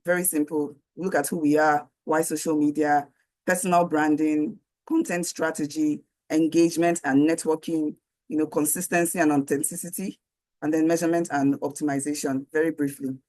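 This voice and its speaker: A woman giving an online training presentation over a video call. Her voice is going hoarse, and she talks conversationally, with many fillers and rhetorical questions. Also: low-pitched, darkish tone. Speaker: guest speaker.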